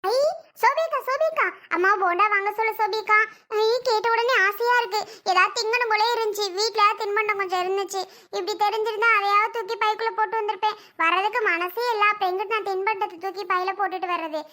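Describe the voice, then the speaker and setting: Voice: very high-pitched, fairly even intonation, fast, bright, forceful tone. A performer voicing a whiny little girl begging her mother for snacks in a family drama skit. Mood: pleading.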